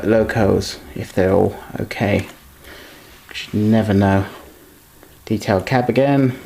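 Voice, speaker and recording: A man's voice: on the low side, gravelly, darkish tone. A man casually talking through an unboxing of model trains, rambling and correcting himself as he handles the pieces. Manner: rambling, self-correcting, talks while handling items.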